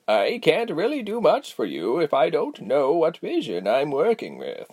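A man voicing an old, tired, wise female healer who speaks slowly, calmly and sternly. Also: fairly high pitch, slightly rough, pitched above the performer's own voice, heavily acted. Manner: slow, calm, measured, stern. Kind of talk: audiobook character voice.

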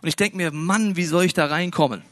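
High-voiced man telling a lively sermon story. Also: fairly quick. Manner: lively storytelling, acts out dialogue in raised voices. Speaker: pastor. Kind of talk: sermon with personal anecdote.

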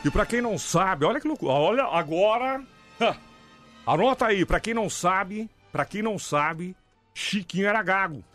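High-voiced animated man telling a tall tale. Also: soft background music. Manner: animated, playful, drawn-out exclamations. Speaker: radio comedy co-host. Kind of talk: improvised comic storytelling.

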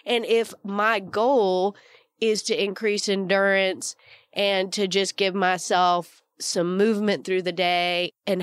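A woman's voice: mid-range voice, smooth, dry recording, studio quality. A woman with a slightly groggy voice hosting a solo podcast, explaining informally and coaching listeners with rhetorical questions. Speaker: podcast host.

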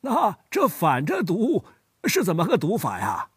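Lively husky older man, high voice. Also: a little slow, dry recording, clean studio sound. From Hubei, China. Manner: animated storytelling, chuckles often. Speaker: grandfather explaining dialects. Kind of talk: scripted educational dialogue.

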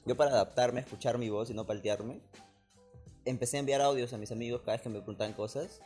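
A man's voice: medium pitch, steady tone, a little mellow, soft background music. A young man, co-hosting a podcast in casual, slangy chat, often laughing. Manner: fast, slangy and laughing, slips into put-on voices. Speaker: podcast co-host.

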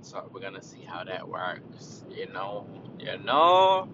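A man's voice: level tone, measured pace. A man in casual storytelling mode ranting about his retail job in a profane, laid-back way. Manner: profane, laid-back, quotes people in a raised voice. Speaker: retail worker. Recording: dull lo-fi with vehicle rumble.

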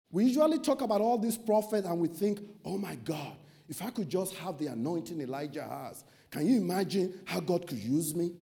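High, mellow-voiced man preaching. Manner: emphatic preaching with rhetorical questions and lists. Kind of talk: sermon.

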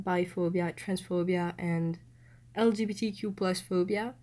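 A woman's voice: mid-range voice, darkish tone. Young woman with a cold. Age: young adult. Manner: chatty, addressing listeners directly. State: has a cold. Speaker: podcast host. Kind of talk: solo podcast monologue.

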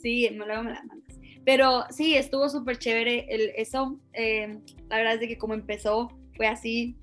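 A young woman from Ecuador in her twenties, a youth pastor, speaking warmly and earnestly as a podcast guest. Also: fairly high pitch, steady tone, normal speed, faint music behind. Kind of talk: interview conversation.

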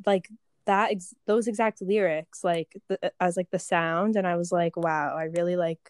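A woman's voice: on the low side, steady tone, a little slow, no room sound. A young woman with a Long Island accent hosting a casual fan quiz, chatty and giggly, full of "like.". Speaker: host. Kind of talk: casual chat, quiz game.

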